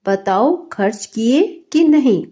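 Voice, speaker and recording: A woman's voice: a little high, lively intonation, slow, warm tone. A woman voicing a stern middle-aged father who presses his young son with scolding questions, in a storybook reading. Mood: questioning.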